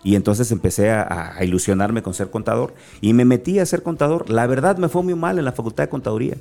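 A man's voice: mid-range voice, fast, creaky, faint music behind. A man from Mexico with an Acapulco accent, a motivational speaker telling his story as a guest in an interview, acting out the dialogue as he goes. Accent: Mexican Spanish, from Acapulco. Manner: animated storyteller, acts out dialogue.

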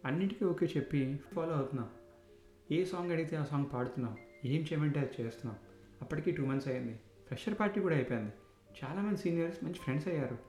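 A man's voice: on the high side, fast talker, darkish tone. A man in his thirties narrating a personal story in a reflective, conversational way. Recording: roomy echo with faint music.

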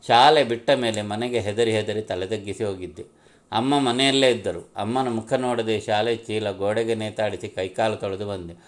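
A man narrating a first-person story in a slow, reflective, heartfelt manner. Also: fairly low pitch, steady tone.

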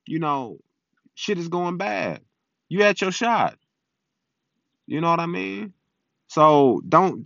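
A man's voice: mid-range voice, a bit bright, no echo. A man in his early twenties hosting a podcast, recorded on a phone instead of a microphone, talking in a blunt, profane, preachy way. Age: early 20s. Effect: recorded on a phone, not a microphone. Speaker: podcast host. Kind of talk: casual opinion monologue. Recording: dull lo-fi phone recording, dry.

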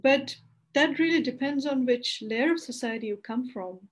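A woman panelist gives a thoughtful, earnest answer in a fairly high voice. She speaks at length, with occasional fillers. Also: moderate pace. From India. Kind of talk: panel discussion.

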